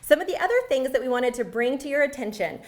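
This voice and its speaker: A woman's voice: high-pitched, animated, fast. A middle-aged woman co-hosting a live charity fundraiser, speaking to the viewers.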